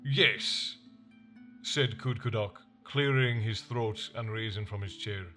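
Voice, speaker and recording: A man narrating a dark fantasy story in a slow, deliberate storytelling delivery. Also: lowish voice, soft background music. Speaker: audiobook narrator. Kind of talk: scripted narration.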